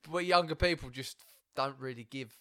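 A man's voice: mid-range voice, moderate pace, a bit bright, clear, resonant tone, no echo. A man from Essex with an Essex accent, a stand-up comic chatting casually on a podcast in a rambling, matey, sweary way. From Essex, England. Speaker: stand-up comedian, podcast guest.

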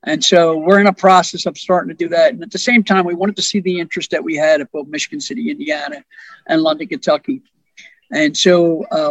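A man's voice: a little high, fairly bright tone, dry recording, low-quality recording. A man, a union organizing director, talking plainly in a podcast conversation and telling stories with asides.

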